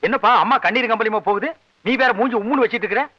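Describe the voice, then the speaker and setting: An actor playing a scheming, jokey elder-brother figure who manages a troupe, in a 1980s film drama. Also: male voice, high voice, racing, sharp tone. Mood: teasing. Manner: chatty, teasing, conspiratorial. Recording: dull lo-fi film soundtrack.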